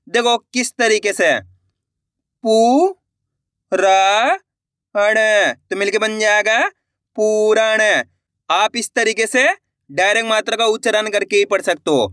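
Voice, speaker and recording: A man teaching reading in an online video lesson, addressing viewers as friends and sounding out each letter slowly. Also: high-pitched, sharp tone, dry recording, clean studio sound.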